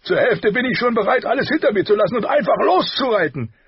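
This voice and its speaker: A boisterous middle-aged king, bawdy and boastful, as a male narrator puts him on. His voice jumps high and booms with hearty force. The audiobook recording is dry and a little dull. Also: expressive, fast talker, husky, no echo, exaggerated voice. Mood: jovial. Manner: loud, hearty, laughing, boastful.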